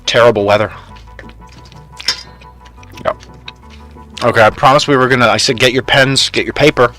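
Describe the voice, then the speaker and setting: A man's voice: mid-range voice, normal speed, bright, forceful tone, soft background music. Chatty, laughing male game streamer. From Canada. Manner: chatty, laughs often, talks to chat. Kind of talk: casual live stream chat.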